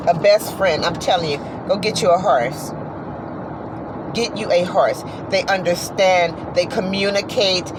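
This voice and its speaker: Earnest woman talking slowly over road noise. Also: on the low side. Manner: earnest, repetitive, folksy storytelling. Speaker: horse owner vlogger. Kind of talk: casual monologue. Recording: steady road noise behind.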